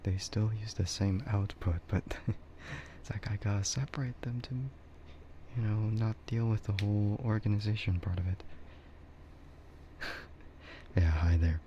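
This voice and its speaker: A deep, mellow man speaks slowly in a whispered role-play ASMR stream, drifting through casual thoughts with soft chuckles and fillers. His low voice sits close to the mic. The sound is a little muffled, with a faint hiss underneath. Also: steady tone. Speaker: VTuber streamer.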